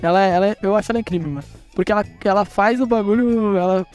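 A young man, co-hosting a podcast, excitable and slangy, often tripping over his words. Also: sits high, fast talker, smooth, soft background music. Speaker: podcast co-host. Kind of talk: casual chat.

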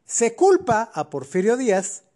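Relaxed Mexican-accented podcast host. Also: mid-range voice, a little slow. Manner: explains facts with relaxed colloquial asides. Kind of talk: casual history chat.

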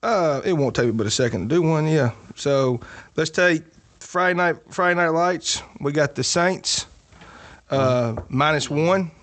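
A man's voice: a little high, measured pace, a bit bright. A man co-hosting a casual sports podcast, talking through his betting picks in a boastful, joking way. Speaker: podcast co-host.

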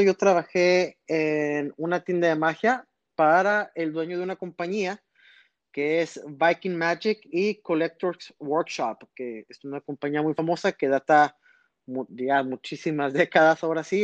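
A man in his 30s, born in Texas and raised in northern Mexico, is the guest magician on a casual podcast interview. His voice is a little high for a man, and he rambles through his stories with lots of fillers. The line sounds dull and muffled, dry and close with no echo.

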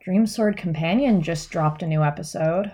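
A woman's voice: fairly low pitch, normal speed, mellow. A woman player describing her character in a tabletop game, rambling with many hesitations. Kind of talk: casual role-play narration.

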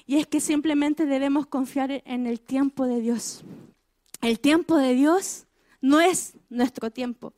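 Woman giving a sermon, pretty high voice, keeps asking the crowd stuff, dry sound. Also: slow, a little mellow, dry recording. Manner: asks the listeners direct questions; emphatic, repeats key phrases. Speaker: preacher.

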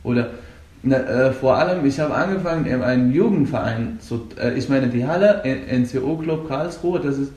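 A young man from Afghanistan, speaking German as a second language, talks earnestly about coaching jiu-jitsu, with halting restarts. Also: mid-range voice, a little mellow. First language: not German. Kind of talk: casual interview. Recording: echoey room.

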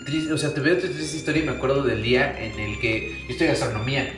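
A Mexican man hosts a relaxed interview and keeps it light with jokes and laughter. His voice sits at an ordinary pitch and echoes in the room. Faint music plays underneath. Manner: playful, joking, quick laughs. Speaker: podcast host. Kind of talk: casual interview.

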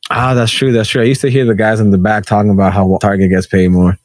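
A man's voice: lowish voice, fast talker, no room sound, clean studio sound. A man in casual chat, telling work stories and acting out both sides of each exchange. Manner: animated storyteller, acts out both sides of conversations.

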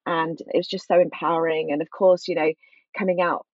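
Woman, lowish voice, enthusiastic and giggly in casual conversation; dry sound. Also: flat delivery, fairly quick, no echo, dull audio. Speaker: podcast guest and show host.

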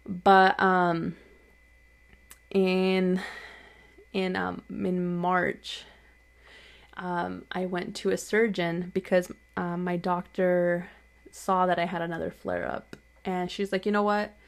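A woman's voice: fairly low pitch, slow, vocal fry, pauses often. A young adult woman hosting a solo podcast episode, candidly telling a personal story in casual, filler-heavy talk. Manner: candid, conversational, many "like" fillers. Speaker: podcast host.

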